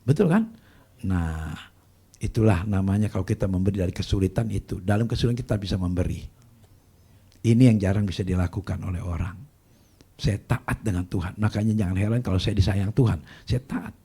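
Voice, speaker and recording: A man's voice: low voice, fairly quick, mellow, breathy edge. A male pastor preaching a sermon in a folksy, storytelling way, exhorting the congregation. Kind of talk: sermon with personal testimony.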